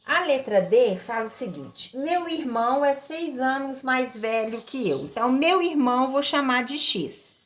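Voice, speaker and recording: A maths teacher with a Brazilian accent explains a lesson step by step in a high-pitched voice with lively intonation, unhurried and with few pauses. She is didactic, repeating phrases and checking in with short tag questions.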